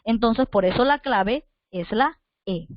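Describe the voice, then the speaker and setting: A woman teaches an online class in a slightly high voice. She goes over each point more than once and keeps checking in with rhetorical questions. The sound is dry and a bit muffled. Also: measured pace, no room sound. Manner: patient, repeats points, asks the listener rhetorical questions.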